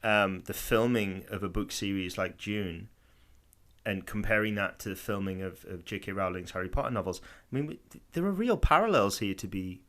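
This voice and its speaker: A man with a low voice rambles through a casual podcast chat as co-host. He swears freely and leans on "I mean" to keep his thoughts going. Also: animated, moderate pace, fairly bright tone.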